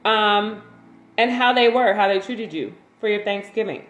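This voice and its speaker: A woman hosting a casual livestream, chatting with viewers, greeting them by name and reading their comments in a relaxed, informal way. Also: medium pitch, unhurried, reverberant, soft background music, rough recording. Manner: relaxed and informal, frequent ums and slang. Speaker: waist bead maker and seller, livestream host.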